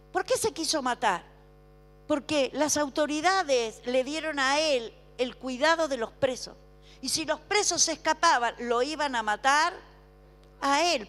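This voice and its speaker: A woman preaching a sermon, calling on the congregation to repeat after her and dropping to a hush for emphasis. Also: high-pitched. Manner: call-and-response, asks congregation to repeat; swings between emphatic slow declarations and hushed drops. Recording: long hall reverb with faint music.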